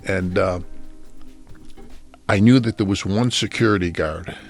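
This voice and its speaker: Gravelly man telling old stories. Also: low-pitched, a little slow, faint music behind. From Buffalo, New York. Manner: rambling, many restarts and uh's, chuckling. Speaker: guest, sports official. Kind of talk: casual storytelling chat.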